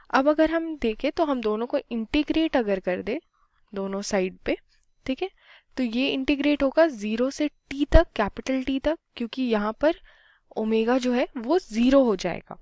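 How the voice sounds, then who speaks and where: A woman, slowly working through a physics problem step by step in a mix of Hindi and English. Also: sits high, lively intonation, darkish tone, dry recording. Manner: unhurried, mixes Hindi and English, talks through each step aloud. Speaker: physics tutor. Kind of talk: slow step-by-step problem solving.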